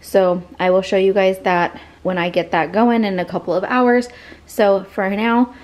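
A woman's voice: medium pitch, fairly even intonation, unhurried, a little mellow. A woman in her forties talks through her cooking in a home kitchen, chatty and easygoing, often stopping to correct herself mid-sentence. She records on a handheld phone as she moves around the counters. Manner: chatty, talks while cooking, many restarts. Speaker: home cook vlogger. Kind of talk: casual cooking vlog narration.

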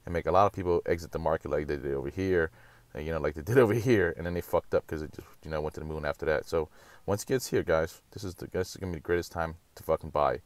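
A man giving a casual, profane rant on market charts and mocking others. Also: no echo. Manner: profane, rapid, ranting, mocks others in high voices. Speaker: crypto market commentator.

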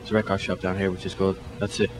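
A man's voice: deep voice, little pitch movement, quick pace, over music. A young man in his twenties from Ireland with an Irish accent, talking bluntly and dismissively into a handheld mic in a mall. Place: indoor shopping mall. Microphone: handheld mic held by interviewer.

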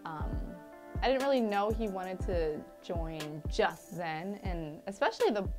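A woman's voice: on the low side, lively intonation, unhurried. Young woman chatting, music behind. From Liberia. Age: young adult. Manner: chatty, laughs often, hesitant fillers. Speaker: interviewee. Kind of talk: casual interview. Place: indoor studio set with curtains. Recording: studio interview with music underneath. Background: background music.

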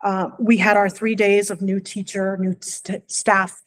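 At a board meeting held in a library room, the woman serving as school superintendent gives a somewhat halting, informal report. Her pitch is medium, with little movement.

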